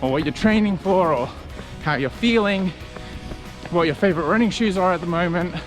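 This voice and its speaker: A man talking casually to camera as a running vlogger, in a reflective, conversational way with halting short phrases. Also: high-pitched, faint music behind. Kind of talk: casual vlog talk to camera.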